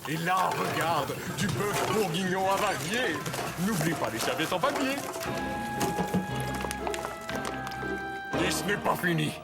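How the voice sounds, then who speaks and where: Vain evil little cartoon fish, bossy and melodramatic, voice swoops all over. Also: male voice, high-pitched, expressive, moderate pace, gravelly, loud music behind the voice. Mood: gloating. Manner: pompous, gloating, melodramatic villain with flowery phrasing. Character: scheming, vain villainous pet fish, theatrical and bossy. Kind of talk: animated cartoon acting.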